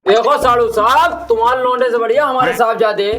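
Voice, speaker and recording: A man plays a boastful, foul-mouthed uncle in a village comedy sketch. He speaks in a fairly high voice and keeps up a steady stream of crude mockery. Soft music plays underneath. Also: a little fast. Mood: mocking. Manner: mocking, crude, theatrical scolding.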